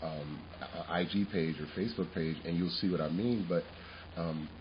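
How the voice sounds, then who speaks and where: Man, podcast co-host, low pitch, animated casual chat, faint background noise. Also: moderate pace, lo-fi sound. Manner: animated, laughs often, restarts sentences.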